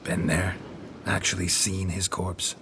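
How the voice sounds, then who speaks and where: A grizzled monster hunter from a video game, with a very deep, gravelly voice. He talks in short, clipped, unhurried lines, and a faint hiss of background noise sits under him. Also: little pitch movement. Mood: stern, laconic. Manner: terse, clipped. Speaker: witcher.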